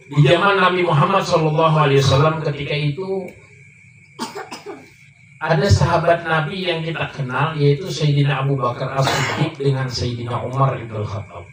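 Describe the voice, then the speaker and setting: A man preaching a sermon, telling a story that often climbs high and emphatic. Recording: echoey room, mic far off, faint noise.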